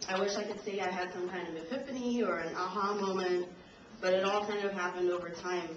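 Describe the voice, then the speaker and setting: A young Trinidadian woman, there as an invited speaker, gets through her prepared text briskly in a medium-pitched, fairly even voice, somewhat nervous with the odd laugh. It was filmed by a camcorder among the audience in a university lecture room, so the sound is distant, roomy, dull and noisy.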